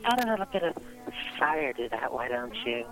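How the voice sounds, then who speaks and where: A woman's voice: very deep voice, big pitch swings, brisk, over music, low-quality recording. A woman calling in to a comedy show, talking in a flirty, brassy, sassy way. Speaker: caller. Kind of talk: comedic call-in banter.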